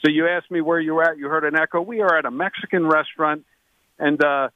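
A man from Baltimore co-hosting a sports betting radio show, calling in from a restaurant and telling stories in a talkative, energetic way. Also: on the high side, fast. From Baltimore, Maryland. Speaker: co-host. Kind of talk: casual radio chat. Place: Mexican restaurant, phone call. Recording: tinny phone line.

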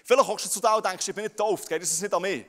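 A young man with a Swiss German accent preaches a sermon to a large crowd in a big hall, addressing them directly. His high, fairly bright voice races along, often stammering and repeating words. The recording has long hall reverb.

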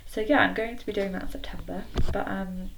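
Creaky-voiced young woman, shed recording. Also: medium pitch, steady tone, a little fast, fairly bright tone, rough recording. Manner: hesitant, self-effacing. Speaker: podcast host. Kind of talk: casual chat, solo podcast monologue. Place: small wooden garden shed, slightly echoey. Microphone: computer recording. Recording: clicky home recording with background noise.

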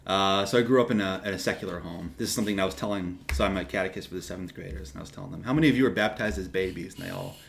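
A young man from Texas, a seminarian guest on a podcast, telling his story casually with lively restarts and asides. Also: sits low, gravelly. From Texas, USA. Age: young adult. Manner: animated, quick asides and restarts.

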